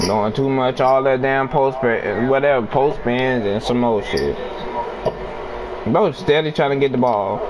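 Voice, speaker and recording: Hyped gamer bro over loud background noise. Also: male voice, medium pitch, a little slow. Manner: hyped gamer-bro talk, slangy and heavy on swearing. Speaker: video game player. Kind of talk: casual trash-talking gameplay commentary. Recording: roomy, noisy background, somewhat distant mic.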